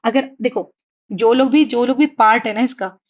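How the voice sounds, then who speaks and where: A young woman with a slightly high voice teaches an online exam-prep lecture in a Hindi-English mix at a moderate pace, writing on a tablet as she goes. She's chatty and reassuring, often checking in with "theek hai?", and the recording sounds muffled.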